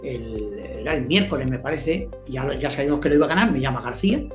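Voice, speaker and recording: A man's voice: mid-range voice, fast talker, echoey room, soft background music. An older man from Spain, a sports journalist guest, telling anecdotes with energy and acting out the people he quotes. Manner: lively storyteller who acts out voices in quotes.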